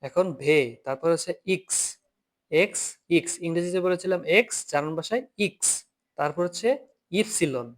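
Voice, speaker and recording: A man's voice: sits high, a little fast. A man teaching an online German class by video call, patiently repeating each point and asking students to read aloud.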